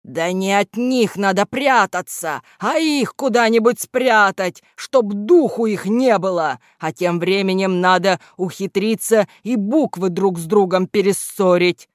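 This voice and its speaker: A woman voicing a gruff, bossy male ink-blot villain in a storybook reading, snapping and scolding his gang. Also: medium pitch, measured pace, hardly any pauses, dry recording, clean studio sound, close to an everyday voice. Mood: scheming.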